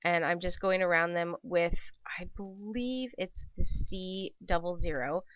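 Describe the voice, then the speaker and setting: Here the papercraft host speaks at a measured pace in a lowish, slightly bright voice, recorded dry at home with no echo and a dull quality. She's got a cold that leaves her throat scratchy. Her casual tutorial narration rambles, studded with ums and self-corrections.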